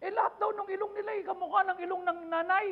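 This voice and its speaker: A man's voice: very high-pitched, fairly even intonation, quick pace, narrow, tinny audio. A man preaching a sermon as pastor, impassioned, throwing out rhetorical questions. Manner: impassioned preaching mixing Tagalog and English, repeated rhetorical questions. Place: church.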